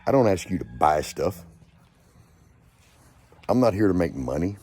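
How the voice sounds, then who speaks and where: A man's voice: low voice, sing-song, measured pace, a little mellow, breathy edge, no echo. A man hosting his own channel, delivering an angry, profane rant with lots of repetition. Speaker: channel host.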